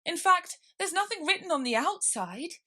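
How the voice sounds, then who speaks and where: Storybook rabbit herald, played by a woman: very high, bright, anxious and eager to please. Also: very animated, normal speed, full character voice.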